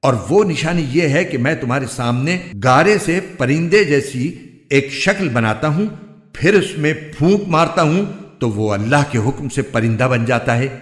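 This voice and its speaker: A man giving a measured, solemn scripted reading of a scripture translation. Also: mid-range voice. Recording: echoey, roomy recording.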